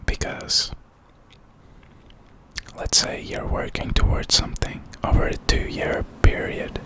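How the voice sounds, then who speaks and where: A man giving a whispered pep talk in ASMR style, speaking in a breathy, unvoiced whisper with an encouraging, reflective manner. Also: slow pace. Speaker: ASMR creator.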